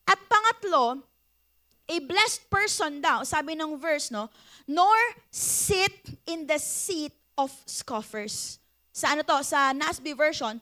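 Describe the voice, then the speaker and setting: A young woman preacher with a Filipino accent, giving a sermon in a mix of Tagalog and English, playful and quick to laugh as she calls out to her congregation. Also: very high voice. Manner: animated, playful, laughs often, asks the crowd "Hello?". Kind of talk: Taglish sermon.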